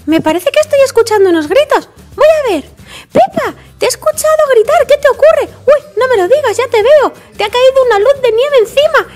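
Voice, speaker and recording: A woman's voice: very high-pitched, lively intonation, a little fast, darkish tone, soft background music. A woman voicing an eager, chatty young male rescue puppy in a toy play story, rambling and encouraging. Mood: curious.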